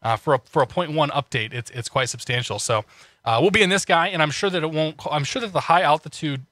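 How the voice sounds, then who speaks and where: Chatting with his viewers while playing a flight sim, this streamer talks quickly in a highish, sharp-toned voice that sounds a little congested. The recording is dry, and his casual talk is full of laughter and restarts.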